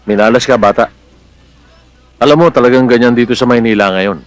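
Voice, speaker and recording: A man's voice: medium pitch, steady tone, a little fast, no room sound, natural voice. An actor playing a protective, hot-headed middle-aged policeman uncle in a Filipino film drama, with a Filipino accent and a blustery, affectionate manner. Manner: blustery, scolding yet affectionate.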